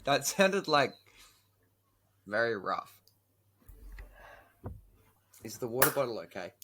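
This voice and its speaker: A man's voice: mid-range voice, big pitch swings, normal speed, heavy background noise. A young man co-hosting a casual podcast, teasing his friend and rambling as he talks. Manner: teasing, rambling with fillers and restarts. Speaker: podcast co-host.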